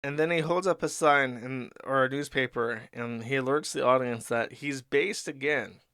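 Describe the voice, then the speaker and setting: Male stream host, sarcastic and profane, smooth voice, dry close sound, casual comic read-through. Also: medium pitch, normal speed, fairly bright tone, no echo. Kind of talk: casual commentary reading a comic.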